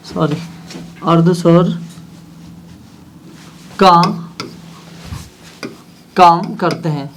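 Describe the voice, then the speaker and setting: Slow, patient male language teacher. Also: high voice, slight background noise. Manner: slow, patient, repeats each phrase and word several times; addresses listeners directly, asks and answers his own questions. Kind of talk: classroom language lesson.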